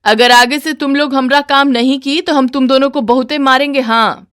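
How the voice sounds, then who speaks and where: Woman voicing a shrill cruel mother-in-law. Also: fairly even intonation, moderate pace, fairly bright tone. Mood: scolding. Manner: scolding, bossy, shrill. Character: harsh cruel middle-aged mother-in-law. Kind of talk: cartoon voice acting.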